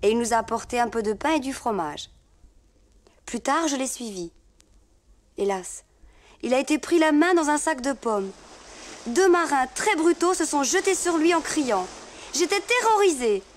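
A woman's voice: high voice, lively intonation, normal speed, long pauses. A woman narrating as a young girl reading her letters to a friend in a confiding tone. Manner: gentle, confiding.

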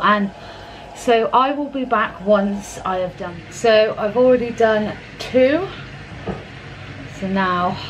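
Here a young woman talks informally as she cooks at home for her vlog, her pitch sitting in the middle. The rough recording from a mid-distance counter camera has a little hiss or hum, with a washing machine going behind her.

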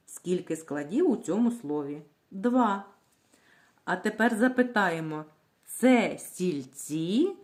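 A primary school teacher, a woman with a medium-pitched voice, leads a literacy lesson for small children. Her intonation rises and falls in a lively way, and she speaks slowly and unhurriedly, stretching each word out syllable by syllable. She poses a question to the class and then answers it herself.

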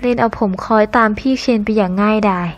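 A woman narrating a scripted audio novel in an even, storytelling way. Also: mid-range voice, fast.

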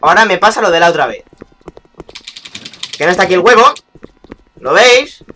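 A man's voice: sits high, expressive, normal speed, bright, forceful tone, a little hiss or hum, rough recording. A young man giving playful, chatty commentary on a game he is playing and talking straight to his viewers. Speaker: gaming YouTuber. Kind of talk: casual gameplay commentary.

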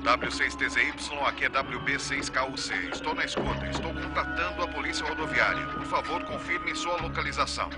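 An actor playing a calm, helpful radio operator who answers a distress call in a dubbed TV series. His voice comes through a two-way radio in a steady, procedural way. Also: fairly high pitch, a little fast, few pauses, loud music behind the voice. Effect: voice heard over a two-way radio.

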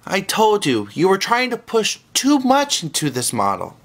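A man putting on a doubting high-voiced angel. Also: huge pitch swings, measured pace, exaggerated voice. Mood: doubtful. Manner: incredulous questioning. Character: gentle male angel, doubting and fussy.

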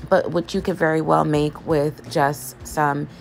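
A woman chatting casually as she cooks in her home kitchen, relaxed and loose, with laughs and fillers. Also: low voice, unhurried, gravelly, slight background noise. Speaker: home cooking vlogger. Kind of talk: casual cooking voice-over.

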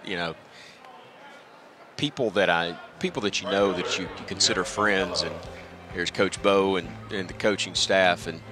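A middle-aged man with a low voice speaks at a measured pace, a guest radio play-by-play announcer being interviewed in a stadium press booth at a baseball game. He sounds self-deprecating and reflective, talking through a broadcast headset with outdoor ballpark ambience behind him.

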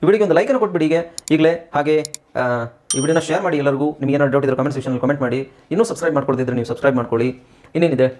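A man's voice: fairly high pitch, rapid-fire, a little mellow, a little hiss or hum. A man with a Kannada accent teaching English phonics, drilling words one by one and checking that students follow. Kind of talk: phonics lesson.

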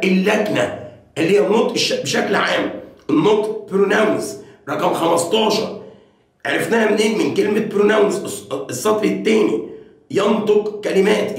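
A man with an Egyptian Arabic accent, an English teacher going over homework and often checking in with his students. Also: sits high. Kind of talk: homework review lesson. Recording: very echoey room.

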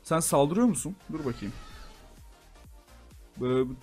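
A young man giving casual, excitable commentary as he plays a game and talks to his viewers. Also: on the high side, moderate pace, breathy edge, soft background music. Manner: excitable, talks to viewers as "gençler", frequent laughs and exclamations. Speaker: gaming YouTuber. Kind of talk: casual Minecraft let's-play commentary.

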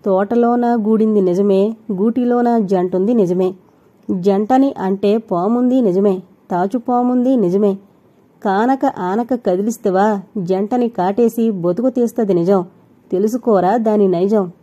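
A woman's voice: medium pitch, steady tone, a little fast, mellow, lo-fi sound, close to an everyday voice. A woman voicing a sly young woman disguised as a village maid, speaking in rustic sing-song phrases, in an audio novel.

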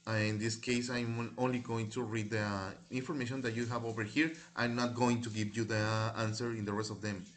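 A man teaching a recorded English lesson, slowly reading words aloud and repeating each one for students to copy. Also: on the low side, level tone. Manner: slow, deliberate, repeats each word for students.

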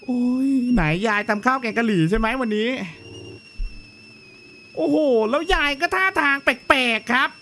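A man's voice: very high voice, normal speed, sharp tone, a little hiss or hum. A man streaming a horror game, reacting jumpily, swearing and reading out the game's lines. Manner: jumpy, swears, reads game lines aloud. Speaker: gaming streamer. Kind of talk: horror game let's play commentary.

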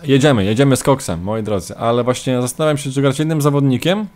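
A man commentating his own football video game like a sports announcer, calm between plays and shouting wildly at goals. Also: mid-range voice, fast talker. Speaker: gaming YouTuber. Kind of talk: let's-play commentary.

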